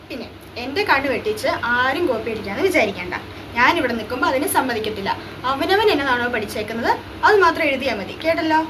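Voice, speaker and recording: A woman's voice: sits high, voice pushed up. A woman playing a strict, scolding female schoolteacher. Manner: scolding, commanding. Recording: distant mic with noisy room.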